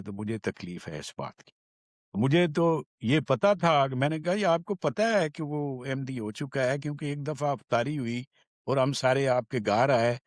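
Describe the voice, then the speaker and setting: A man from Pakistan, earnestly telling the story of his survival in an unhurried way. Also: mid-range voice, no echo, clean studio sound. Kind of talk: personal storytelling.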